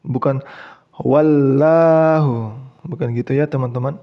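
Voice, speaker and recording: An Indonesian man teaches in a slow, unhurried voice of middle pitch. He goes through each step patiently and repeats the examples. When he comes to the key words, he chants them long and loud, and the recording sounds somewhat dull and lo-fi. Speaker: Quran reading teacher.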